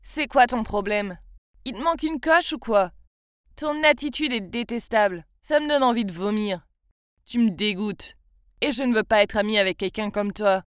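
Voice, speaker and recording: A woman's voice: medium pitch, normal speed, smooth, dry recording, studio quality, lightly acted. A woman voicing a kind, protective schoolboy friend who scolds a bully bluntly, in a storybook narration. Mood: scolding.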